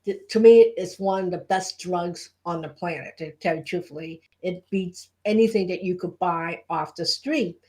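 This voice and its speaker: A woman's voice: fairly low pitch, moderate pace, hardly any pauses, mellow. Woman co-hosting a casual live chat. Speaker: co-host and Reiki teacher.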